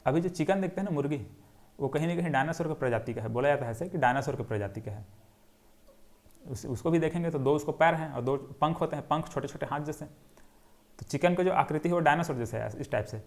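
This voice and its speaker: A fairly high-voiced young man giving a geography lesson. He drills his students by asking a question and then answering it himself, over and over. He sketches on a board as he explains. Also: fairly quick. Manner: drawing on a board while explaining. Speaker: geography teacher. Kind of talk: classroom lecture.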